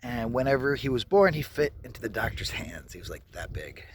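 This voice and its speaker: In a very noisy recording, a man in his thirties with a mid-range, sing-song voice talks fairly quickly while walking through a skate park with a handheld camera. This travel vlogger tells his family story candidly, rambling and often correcting himself.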